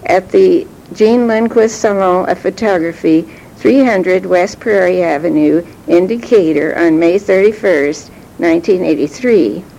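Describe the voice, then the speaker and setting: A woman interviewer giving a measured, formal introduction, heard on an old tape recording from the 1980s with faint hiss and low rumble. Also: vocal fry, mellow, poor audio. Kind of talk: formal oral-history introduction.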